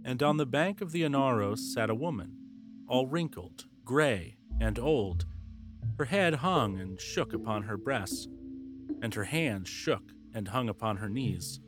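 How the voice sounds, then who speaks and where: A man narrates a classic storybook in a measured, vivid voice of middle pitch. He tells the story steadily, with careful pacing. Faint music plays softly underneath. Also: animated. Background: soft music.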